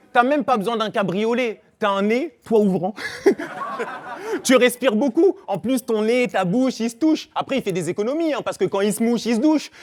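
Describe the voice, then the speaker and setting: A man performing a live battle rap verse, firing off mocking, joke-driven rhymes. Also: extremely high pitch. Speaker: battle rapper.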